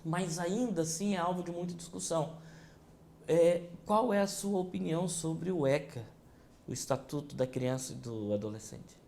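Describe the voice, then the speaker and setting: A man's voice: on the high side, moderate pace, creaky, darkish tone, a little hiss or hum. A man in his fifties hosting an interview, asking questions in a conversational way and often starting with a hesitant "é". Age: 50s. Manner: conversational, leading with filler "é". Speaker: TV interview host.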